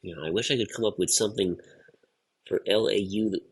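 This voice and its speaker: A man who is under the weather with a cough, husky and congested, haltingly thinking aloud as he hosts a casual word puzzle video. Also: lowish voice.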